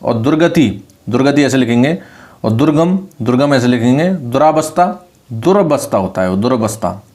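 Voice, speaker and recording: A man's voice: expressive, moderate pace, a little mellow. Man teaching Hindi spelling, repeating words. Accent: Rajasthani Hindi. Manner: repeats each word, stressing the correct spelling with raised pitch. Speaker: Hindi exam tutor. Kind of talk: online spelling lesson.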